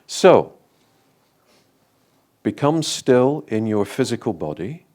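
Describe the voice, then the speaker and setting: With a mid-range voice, a man guides a meditation calmly and gently. He speaks deliberately, leaving frequent pauses between phrases.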